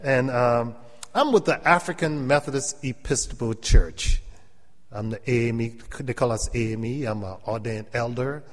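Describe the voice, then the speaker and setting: A man's voice: medium pitch, normal speed. A middle-aged man with a South Carolina Gullah Geechee accent preaches in an anecdotal, humorous way, repeating phrases and calling for amens. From South Carolina, United States. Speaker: preacher, church elder. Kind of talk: sermon to a congregation, humorous and anecdotal. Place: large indoor hall, speaking to an audience. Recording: echoey hall with long reverb.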